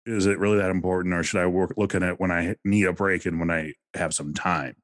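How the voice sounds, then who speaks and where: A man's voice: sits low, fairly even intonation, fairly quick, no room sound, clean studio sound. A man co-hosting a casual podcast, giving reflective advice in a conversational way. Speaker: podcast co-host.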